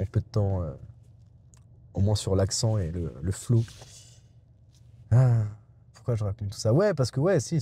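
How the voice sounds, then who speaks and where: A man's voice: fairly low pitch, warm tone. A young adult man vlogging from inside a car, rambling and digressive, with many hesitations and restarts. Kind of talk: rambling casual monologue.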